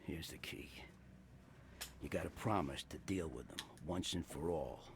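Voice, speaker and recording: Gravelly, surly low-voiced bartender. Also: male voice, measured pace, slight background noise. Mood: grudging, wary. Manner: gruff, grudging. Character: surly, guarded male bartender in a seedy bar. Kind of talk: video game character acting.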